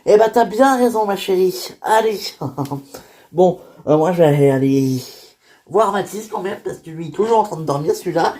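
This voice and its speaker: A woman's voice: lowish voice, expressive, moderate pace, mellow, close to an everyday voice. A woman voicing a caring, teasing middle-aged father who talks in a chatty, affectionate way, in a homemade toy-figure drama. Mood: doting.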